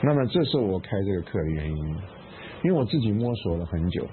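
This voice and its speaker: A man's voice: fairly low pitch, very animated, fast talker. A man giving a Buddhist dharma lecture to a class, emphatic, repeating phrases and asking rhetorical questions. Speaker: Buddhist meditation teacher. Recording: narrow phone-like sound with faint noise.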